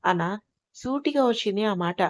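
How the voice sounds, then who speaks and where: Female storyteller, calm and even delivery, middle pitch. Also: moderate pace. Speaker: narrator. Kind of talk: storytelling narration.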